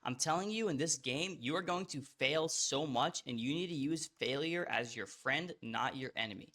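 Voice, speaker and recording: A man's voice: a little high, bright, forceful tone. A young man giving blunt, slangy advice straight to camera as a social media coach. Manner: blunt, fast-talking, hustle-driven with casual slang. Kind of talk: direct-to-camera advice monologue.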